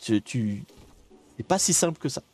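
A man's voice: mid-range voice, lively intonation, normal speed, darkish tone, husky. A man hosting a casual live stream, chatting to viewers with frequent hesitations and restarts.

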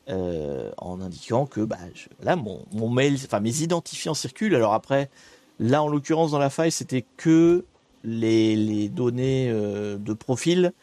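A man's voice: mid-range voice, mellow, no echo. A man hosting a casual live stream, chatting to viewers with frequent hesitations and restarts.

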